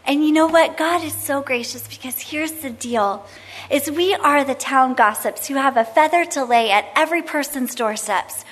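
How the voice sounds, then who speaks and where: High-voiced woman Bible teacher exhorting. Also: normal speed, fairly bright tone. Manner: emphatic, repetitive exhortation. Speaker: women's Bible study teacher. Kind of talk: sermon-style Bible teaching.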